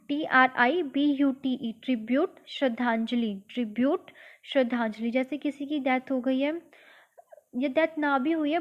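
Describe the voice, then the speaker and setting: A woman with a high, light voice teaching English vocabulary in an online lesson. She goes through words one by one, repeating each with its meaning. She spells words out slowly, letter by letter, and explains with simple everyday examples. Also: dull audio.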